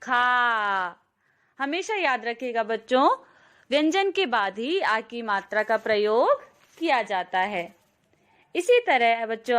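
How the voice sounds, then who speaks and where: A woman teaching a slow, clear phonics lesson to young children, stretching out each syllable and often calling out to them. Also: a little high. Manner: drawn-out syllables, addresses children warmly; very slow, careful pace. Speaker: kindergarten teacher.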